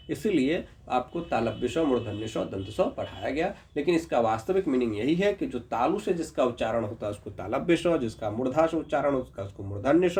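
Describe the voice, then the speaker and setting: A man's voice: medium pitch, a little mellow. A man teaching a grammar lesson, patiently sounding out letters and checking in with his students. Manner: patient, repeats sounds slowly, checks in with "ठीक है"; addresses viewers as "Babu". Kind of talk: explanatory lesson.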